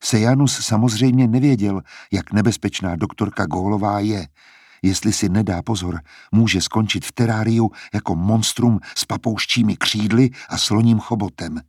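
Husky, low-voiced male narrator. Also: no echo, studio quality. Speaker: audiobook narrator. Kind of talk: scripted narration.

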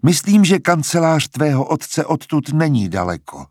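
A man reading a cold, mocking older woman scientist with slow, condescending taunts in a husky voice. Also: fairly high pitch, sing-song, darkish tone, dry recording, clean studio sound, voice pushed up. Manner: condescending, sly, drawn-out taunts.

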